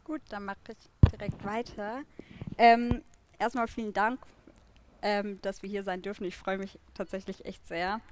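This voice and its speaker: A woman's voice: medium pitch, flat delivery, a little slow, a little hiss or hum. A woman of twenty-one, a guest activist, talking in an eager, upbeat way with filler words. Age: 20s.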